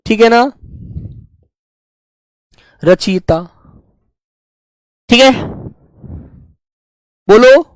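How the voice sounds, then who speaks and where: A man's voice: high-pitched, no room sound. A man teaching an online spelling lesson to exam students, talking in a coaxing, repetitive teacherly way.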